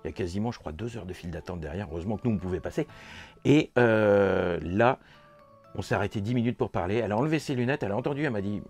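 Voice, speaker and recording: French male vlogger, low-pitched, excitable rambling recap, light music underneath. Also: fast. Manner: enthusiastic, rambling, many fillers and repeats. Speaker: vlogger recounting a convention. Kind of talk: casual vlog recap.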